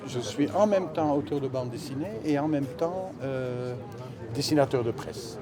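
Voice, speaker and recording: The speaker is a man from Belgium, a native Dutch speaker, casually answering questions as a cartoonist and press illustrator. His mid-range voice moves at an ordinary speed through busy background crowd chatter.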